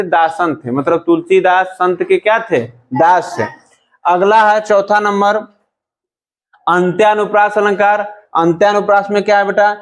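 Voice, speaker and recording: A man teaching a grammar lesson, asking and answering his own questions, calling students "beta" and reciting verse lines slowly. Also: sits high. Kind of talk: classroom-style grammar lesson.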